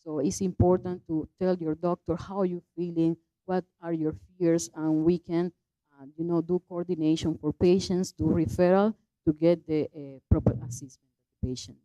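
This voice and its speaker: A woman who is not a native English speaker, explaining on a panel in halting, simple phrases into a handheld mic. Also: fairly low pitch, fairly even intonation, warm tone, dry recording, rough recording. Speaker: doctor, forum panellist. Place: forum hall, on stage. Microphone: handheld microphone.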